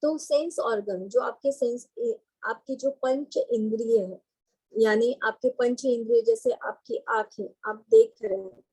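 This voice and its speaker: A woman leads a guided meditation lesson in a slightly high, mellow voice. She talks very slowly and gently, pausing and hesitating softly as she explains each step to the listener. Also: animated, breathy edge, poor audio. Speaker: meditation instructor.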